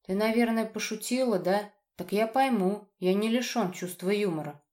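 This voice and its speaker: A volatile young man back from war, rough-spoken and threatening, pressing in close, as a woman reading an audiobook voices him. The delivery stays low and dangerous, close to the reader's own mid-range voice. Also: normal speed, a little mellow, close to an everyday voice. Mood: menacing.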